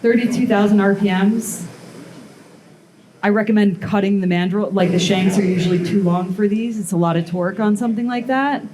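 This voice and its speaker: A woman with a warm, mid-range voice speaks briskly during a live blacksmithing demonstration for an audience. She chats casually and rambles, leaning heavily on fillers like "um" and "like." The recording picks up echo and crowd sounds.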